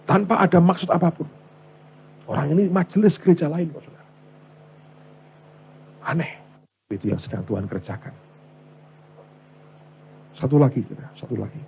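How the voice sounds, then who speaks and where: A man's voice: fairly high pitch, normal speed, creaky, long pauses, phone-quality sound, slight background noise. A man preaching a sermon, telling stories and acting out the people in them as he addresses the congregation. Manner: storytelling preacher, acts out quoted voices, addresses congregation as brothers. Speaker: pastor.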